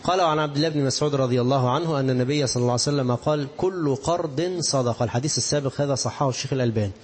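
A man's voice: medium pitch, steady tone, racing. A man with an Egyptian accent teaching a religious lesson on hadith, explaining with everyday examples and rhetorical questions to his listeners. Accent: Egyptian Arabic.

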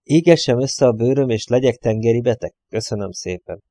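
Wry teasing wife, read by a man, low mellow voice, dry close audiobook sound. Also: animated, dry recording, close to an everyday voice.

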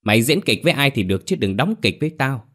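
A man voicing a furious middle-aged mother who hurls rapid, scornful insults in a ghost story audiobook. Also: lowish voice, expressive, a bit bright.

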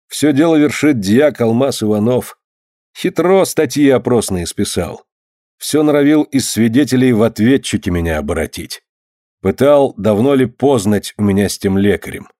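A proud, hot-tempered boyar lord of old Russia, as a male reader does him, grave and archaic in his speech. The voice is low-toned and mellow. It sounds dry and close to the mic. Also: no room sound, close to an everyday voice. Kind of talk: audiobook reading.

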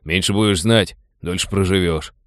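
A man's voice: lowish voice, fast talker, dry recording, clean studio sound, natural voice. Man doing brash know-it-all dock buddy, audiobook. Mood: cocky. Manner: condescending, brash. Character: cocky male dockside lowlife, know-it-all.

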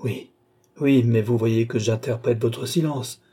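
A man's voice: medium pitch, steady tone, unhurried, warm tone, slightly rough. A man voicing an anguished young nobleman pleading. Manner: pleading, impassioned outbursts.

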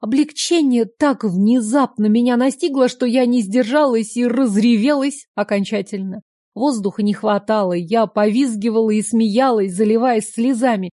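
A woman reading a first-person story aloud in a lively, confiding storytelling manner. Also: fairly high pitch, moderate pace, no echo, clean studio sound. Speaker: story reader. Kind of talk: first-person scripted narration.

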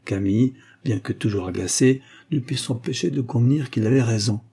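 A man narrating an audiobook in measured, steady storytelling. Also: mid-range voice, gravelly, husky. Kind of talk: scripted narration.

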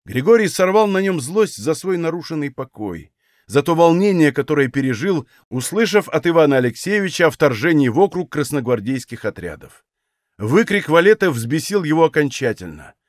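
A man narrates an audiobook in a measured, expressive reading. His voice sits a bit high for a man and is recorded dry and close. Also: dry recording. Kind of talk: scripted narration.

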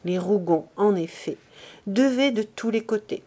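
A woman narrates a classic novel as a literary audiobook, reading in a measured, expressive style with a mid-range voice.

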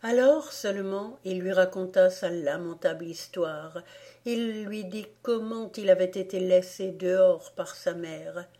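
A woman narrates a children's storybook in a gentle, measured way. Her voice is low and mellow, and she takes her time with every phrase. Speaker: audiobook reader.

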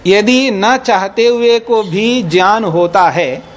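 A man teaching a class, slowly reciting Sanskrit sutras and then explaining them plainly in Hindi, often checking whether his students follow. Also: high-pitched. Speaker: teacher of Nyaya philosophy. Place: teaching hall of an ashram.

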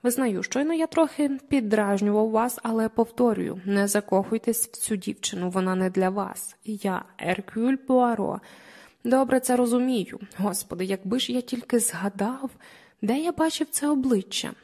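A woman reading an audiobook in a slightly high voice, voicing a self-assured, gently ironic middle-aged male Belgian detective. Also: moderate pace. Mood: earnest.

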